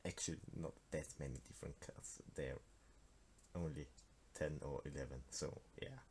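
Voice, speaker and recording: With a very deep, slightly mellow voice, steady tone, and moderate pace, a teenage game developer from Switzerland narrates his card game in a casual screen-recorded devlog. He speaks with a Swiss German accent as a native Swiss German speaker, hesitating with many fillers and restarts. Slight background noise is present.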